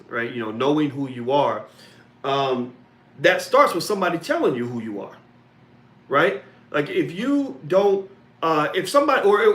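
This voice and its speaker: A man's voice: mid-range voice, a bit bright. A man hosting an interview over a video call, talking in an earnest, conversational way. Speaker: host. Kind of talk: interview questions and commentary. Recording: roomy video call audio.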